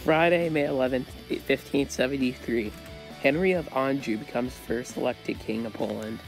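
A teenage male narrator reads a scripted history segment with a creaky, mid-pitched voice. Faint music plays underneath. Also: moderate pace, low-quality recording. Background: light background music.

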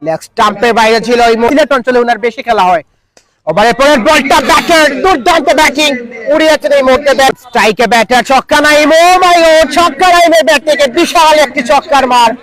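A man with a Bangladeshi accent giving frantic, excited live play-by-play commentary on a cricket match. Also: extremely high pitch, fast talker, poor audio. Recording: loud crowd noise behind. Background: crowd at an outdoor cricket ground.

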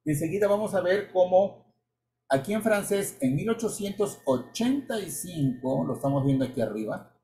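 A man giving a narrated slideshow lecture, measured and explanatory, with pauses and restarts. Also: high-pitched, lively intonation, warm tone. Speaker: history author and lecturer. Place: indoor room, webcam inset.

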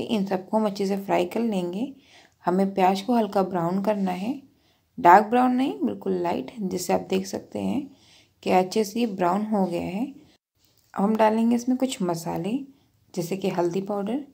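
A woman's voice: medium pitch, creaky, dark tone, husky. A woman hosting a cooking channel, patiently talking through each step of a recipe in a voice-over with practical tips.

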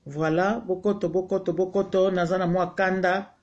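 A man's voice: high-pitched, flat delivery, normal speed, a little mellow, highs cut off. A Congolese man hosting a casual live stream, greeting viewers one by one in a heated, repetitive way. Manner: mixes French and Lingala, heated. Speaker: livestream host.

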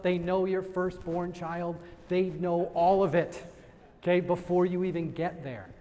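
A man giving a lively sales training talk to a live audience, quizzing the crowd and laughing often. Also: high voice. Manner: energetic, asks the crowd questions and laughs. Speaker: real estate sales trainer. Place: event room with audience. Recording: long hall reverb.

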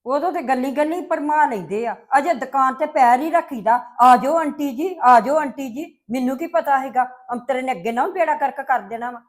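A woman's voice: sits high, normal speed, few pauses, close to an everyday voice. An actress playing a well-meaning, flustered mother. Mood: defensive. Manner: flustered, defensive. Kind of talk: web drama acting.

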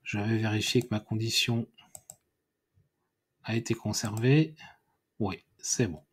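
A man giving a screen-recorded software tutorial, thinking aloud and correcting himself as he clicks through menus. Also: fairly low pitch, fairly even intonation, breathy edge. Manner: unhurried, thinking aloud with many fillers and self-corrections. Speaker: WordPress tutorial instructor.

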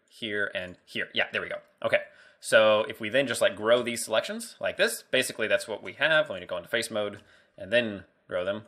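A man's voice: medium pitch, bright, forceful tone. A man walking through a 3D modeling screencast tutorial in a casual way, thinking aloud as he works. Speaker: 3D modeling instructor.

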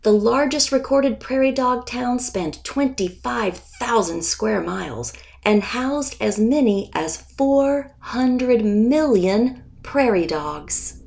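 Reading her own children's picture book aloud, a woman speaks in a creaky voice on the high side. She's deliberate and expressive, pausing before key words.

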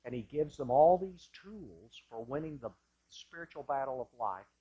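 A male pastor delivering an impassioned sermon in a church sanctuary, moving between loud bursts and hushed lines. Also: mid-range voice, lively intonation, moderate pace.

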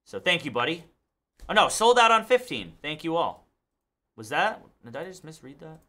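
A man's voice: a little high, very animated, moderate pace, bright, forceful tone. A man in his thirties hosting a live card break in a studio, reading out cards and thanking buyers by name.

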